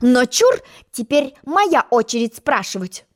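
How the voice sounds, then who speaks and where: A woman voicing a pompous, boastful egg-shaped male character in a storybook reading, haughty and quick to take offense. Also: high voice, very animated, voice pushed up, full character voice.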